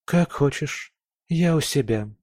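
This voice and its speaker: A man's voice: on the high side, animated, slow pace, a little mellow, dry recording, studio quality, pitched above the performer's own voice. A man reading an audiobook and voicing a distant wife who speaks politely and coolly.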